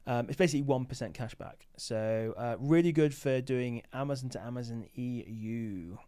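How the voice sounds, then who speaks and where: An Amazon seller hosting a late-night livestream sounds worn out and sleepy, chatting casually while thinking aloud and using many fillers. His medium-pitched voice is mellow and clean, delivered at a normal speed.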